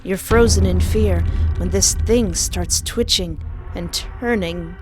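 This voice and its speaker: A woman's voice: on the low side, takes it slowly, music in the background. A woman narrator reading a scripted second-person horror story.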